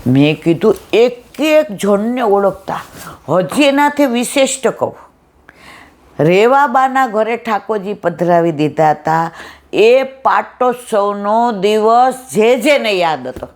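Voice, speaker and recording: Woman, devotional satsang talk, very slow unhurried delivery, mid-pitched voice, reminiscing storyteller. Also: animated. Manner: reminiscing, quotes people in little voices. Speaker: satsang speaker.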